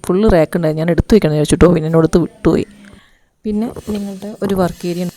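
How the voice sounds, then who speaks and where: A vlogger gives her viewers a chatty tour of her house mid-renovation, addressing them directly and leaning on frequent tag words. She talks very fast in a lowish, dark-toned voice, and dust has left her throat irritated.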